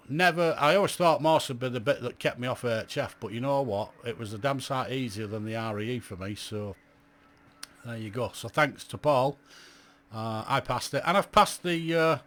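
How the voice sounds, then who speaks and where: A radio amateur in his late fifties reflects on his hobby in a casual monologue to camera, blunt and chatty, calling himself grumpy and sprinkling in plenty of "you know." His voice is mid-range with a fairly bright tone.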